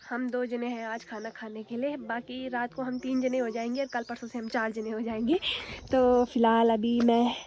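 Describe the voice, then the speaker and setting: Young woman, casual home vlogger, a bit breathless and unwell, rapid flat chatter, raised pitch. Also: slight background noise. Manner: fast-talking, chatty, walks and cooks while talking. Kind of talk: casual vlog chat. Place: home, rooftop and kitchen.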